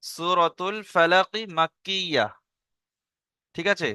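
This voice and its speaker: A man teaching Quran reading with a Bengali accent, spelling out letters and vowel marks, then chanting each verse slowly and asking learners to repeat after him. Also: sits high, pushed and bright, smooth, dry recording, studio quality. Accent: Bengali, from eastern India. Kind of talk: online Quran reading lesson.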